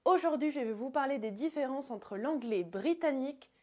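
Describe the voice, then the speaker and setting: High-voiced woman teaching English. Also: lively intonation, moderate pace. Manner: chatty, with fillers and restarts, repeats example words. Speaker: English teacher, channel host. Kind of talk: explanatory online lesson.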